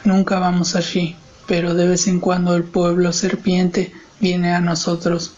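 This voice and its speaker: A man reading aloud puts on a grave, superstitious old housekeeper woman in a storybook tale. She murmurs her warnings slowly and quietly, her voice barely rising or falling. The recording is dull and lo-fi, with a faint hiss underneath. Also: high voice, monotone. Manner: slow, hushed, murmuring delivery.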